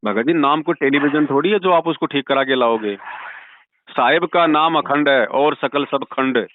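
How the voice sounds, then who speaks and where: Over a tinny telephone line, a man with a fairly high voice gives religious counsel at a moderate pace, sounding insistent and preachy and leaning on devotional sayings.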